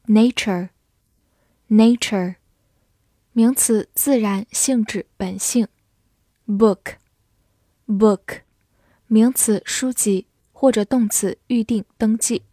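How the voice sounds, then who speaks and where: A woman teacher in a slow vocabulary drill. She says each English word twice, then reads out its meanings calmly. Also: fairly high pitch, dry recording, studio quality.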